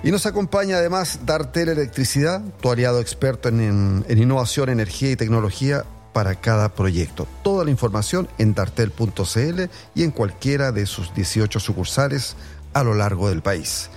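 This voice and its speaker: At a hotel venue, a radio host with a Chilean accent speaks in a mid-range, slightly mellow voice with lively intonation at a moderate pace, soft music playing behind him. He gives a formal on-air introduction before settling into a friendly interview.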